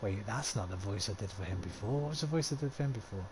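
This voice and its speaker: His voice sits on the low side, fast and lively in intonation, with a noisy background. Nursing a sore throat, he streams a game, reading its dialogue aloud, casually cursing and chatting with viewers in between.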